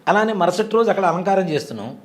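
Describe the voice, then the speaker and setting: Fast-talking man in his forties. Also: sits high. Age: 40s. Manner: vivid, animated retelling that acts out quoted voices. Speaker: interview guest recounting a temple experience. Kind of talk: conversational storytelling.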